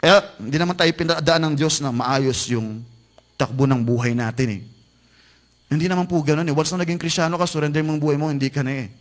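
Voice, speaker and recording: A male Filipino pastor delivers a sermon in a notably high voice. He switches between Tagalog and English, speaking quietly at times and then building to loud, urgent exhortation. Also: quick pace. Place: church.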